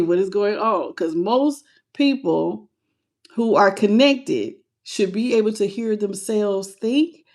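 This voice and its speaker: A woman's voice: medium pitch, darkish tone. A woman reading tarot cards on a live stream, talking casually and bluntly, teasing and greeting her viewers by name. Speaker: tarot reader.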